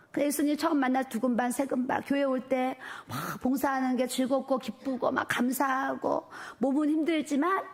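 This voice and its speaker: A middle-aged woman pastor preaching a sermon in a church, emphatic and animated, with many repeated fillers. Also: high voice. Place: church sanctuary.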